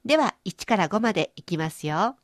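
A woman's voice: mid-range voice, expressive, brisk, dry recording, clean studio sound. A woman hosting a language lesson, explaining pronunciation with playful everyday images. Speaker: language teacher and host. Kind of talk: radio-style language lesson.

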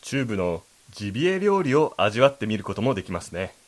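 A man's voice: lowish voice, big pitch swings, a little fast. A man co-hosting a language lesson, explaining and rephrasing lines in a polite, explanatory manner. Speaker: co-host.

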